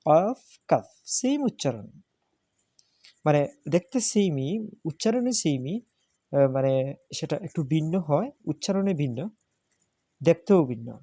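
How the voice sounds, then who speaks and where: A man's voice: a little high, very animated, measured pace, long pauses, dark tone, dry recording. Patient man repeating letter names. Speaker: Arabic alphabet teacher. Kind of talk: step-by-step spoken lesson.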